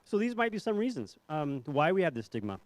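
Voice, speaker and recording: A man's voice: on the high side, big pitch swings, brisk, dry recording. A young man, a psychiatrist, giving a conference talk in a ballroom with a handheld mic, conversational and self-deprecating, with many fillers and restarts. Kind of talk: conference presentation. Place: hotel ballroom.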